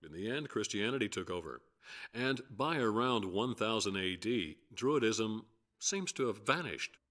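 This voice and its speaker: An actor playing an earnest male scholar in a video game, speaking in a measured, lecturing way. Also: on the low side, expressive, fairly bright tone. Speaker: game character.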